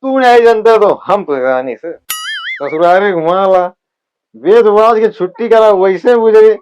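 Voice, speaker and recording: A man's voice: sits high, expressive, a little slow, a little mellow, lo-fi sound, slight background noise. A man with an Awadhi accent playing a rambling, shameless town drunk husband in a village comedy sketch. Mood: pleading, tipsy. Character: shameless drunkard village husband selling his in-laws' buffalo. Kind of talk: rural comedy sketch acting.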